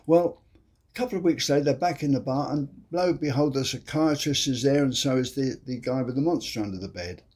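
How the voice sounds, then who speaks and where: An older man with a slightly rough, somewhat high voice hosts a comedy show, telling long, rambling jokes in a chatty, casual way and frequently saying "you see."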